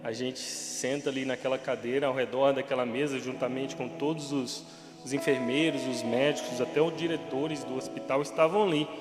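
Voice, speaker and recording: A man's voice: medium pitch, steady tone, normal speed. Man giving an emotional church testimony. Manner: emotional, rising to shouting at peaks. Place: church hall. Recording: echoey hall with music behind.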